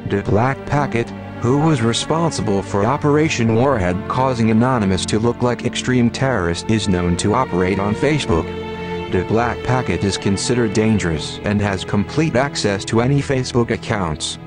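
A man reading a scripted statement as an anonymous spokesman in a disguised deep voice, grave and measured. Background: music.

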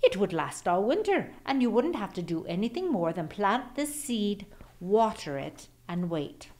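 A woman voicing a clever little male leprechaun shoemaker from a storybook, excitable and wheedling. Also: medium pitch, unhurried. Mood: coaxing. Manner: pleading, crafty, excitable.

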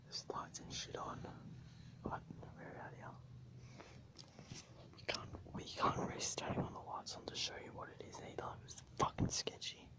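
A vlogger speaks in a breathy whisper, keeping the commentary hushed. The talk is casual and full of swearing and slang. It is recorded outdoors at night. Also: moderate pace, rough recording.

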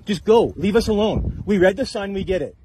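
A man's voice: sits high, expressive, fairly quick. A man in a heated argument in an outdoor park, repeating himself defensively and telling a woman to leave, recorded on a phone. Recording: noisy outdoor phone video.

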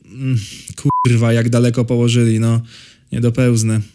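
A man's voice: mid-range voice, little pitch movement, normal speed, darkish tone, slight background noise, close to an everyday voice. A man voicing the sardonic inner thoughts of a world-weary baby in a comedy monologue, crude and grumbling. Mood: bored, grumbling. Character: cynical, foul-mouthed baby's inner voice, world-weary.

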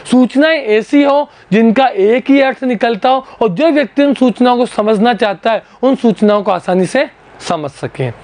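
A man teaching accounting to school students, explaining each term step by step and repeating key words. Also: very high voice. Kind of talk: classroom lecture. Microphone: recorded lecture for an education channel.

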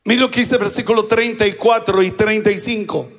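A pastor delivering a sermon, prompting the congregation to repeat phrases back to him. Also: male voice, high-pitched, fairly even intonation, a little fast, a bit bright, long reverb tail, faint music behind. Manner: preaching with call-and-response prompts to the congregation.

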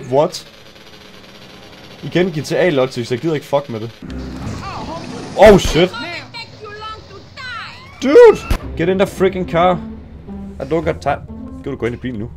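A young man giving excitable, swear-filled let's play commentary, mixing in English slang. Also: medium pitch. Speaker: gaming YouTuber.

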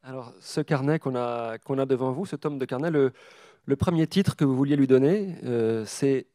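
A man with a non-native accent, interviewing an author with slow, careful questions. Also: mid-range voice, mellow, no room sound, clean studio sound. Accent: non-native French.

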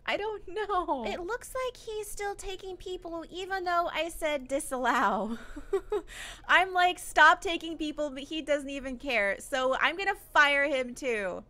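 Woman, high voice, excitable, let's-play commentary, laughs a lot. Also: a little slow. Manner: excitable, exclamatory, laughs often. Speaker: gaming YouTuber.

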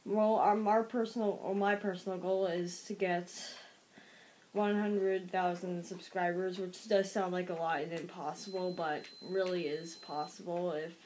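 A woman hosting her channel, chatting casually and then shouting and scolding in excited bursts. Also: fairly low pitch, measured pace, a little hiss or hum. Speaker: channel host. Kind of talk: casual vlog chat and excited play-acting.

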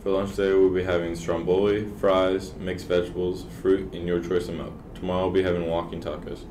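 A teenage male student anchor reading scripted morning announcements for a high school. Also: flat delivery, brisk, darkish tone. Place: indoor school studio at a desk. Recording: roomy, distant mic, background noise.

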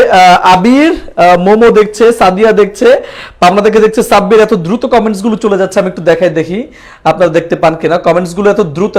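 Young Bangladeshi male teacher, high voice, rapid lively delivery, live class at a whiteboard. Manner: lively, mixes English phrases into Bengali. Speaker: English teacher.

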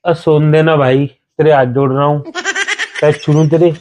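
A man's voice: a little high, flat delivery, normal speed, a little mellow, slight background noise. A young man hosting a home prank video on his wife, pleading and teasing with a laugh in casual banter.

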